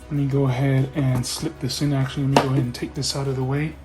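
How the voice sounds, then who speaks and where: A man casually talking through an unboxing in a relaxed, halting way, hosting his own tech video. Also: medium pitch. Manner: relaxed, halting, with fillers and restarts. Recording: music playing behind.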